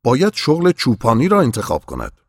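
Earnest young shepherd for a storybook, read by a man: husky, questioning and a little eager. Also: on the low side, big pitch swings, no echo, studio quality, pitched above the performer's own voice. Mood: curious.

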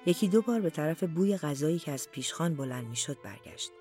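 An audiobook narrator reading a literary story in a slow, deliberate storytelling manner, at times dropping to near-whispers. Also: mid-range voice, lively intonation, darkish tone, faint music behind.

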